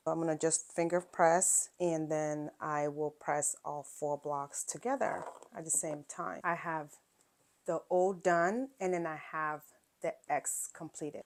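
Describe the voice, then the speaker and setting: A woman with a somewhat low voice talks through a quilting project step by step. Her delivery is loose and chatty, full of fillers and quick check-ins with the viewer. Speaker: quilting channel host. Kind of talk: casual sewing tutorial.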